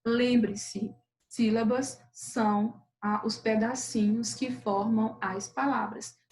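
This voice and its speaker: A woman teacher with a Brazilian Portuguese accent giving a lesson to children, patient and slow over syllables, often checking in with the class. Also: fairly high pitch, steady tone, darkish tone, low-quality recording. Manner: patient, drawn-out syllables, frequent "beleza?" checks. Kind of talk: recorded remote lesson for children.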